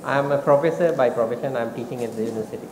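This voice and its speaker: A man from Sri Lanka, a parliamentarian and professor, introducing himself briskly and plainly. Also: medium pitch, roomy sound, big-room sound, background noise. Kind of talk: brief self-introduction.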